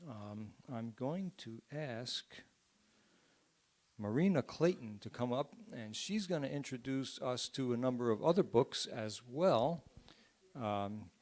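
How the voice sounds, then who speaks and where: At a church hall health seminar, a male host gives an informal presentation, chattily recommending a cookbook and using filler words. His medium-pitched voice is animated and a little mellow, and he takes things slowly.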